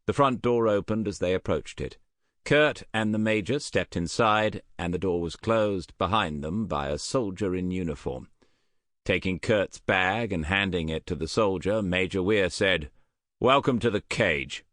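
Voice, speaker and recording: A man narrating an audiobook with a measured, even storytelling delivery. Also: low-pitched, no echo, studio quality.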